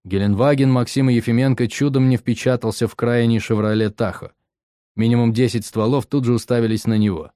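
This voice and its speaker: A man narrating an audiobook in the first person, matter-of-fact and even. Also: mid-range voice, fast talker, hardly any pauses, clear, resonant tone, dry recording, studio quality.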